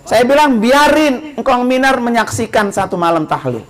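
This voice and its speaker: Man; informal religious talk; animated, answers his own questions. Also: extremely high pitch, normal speed, low-quality recording. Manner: animated, asks the listeners questions and answers them himself. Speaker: religious speaker.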